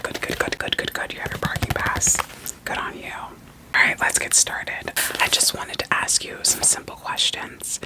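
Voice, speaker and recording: A woman performs a gentle, soothing ASMR therapist roleplay in a whisper, posing probing questions playfully and repeating short phrases, though the audio is poor.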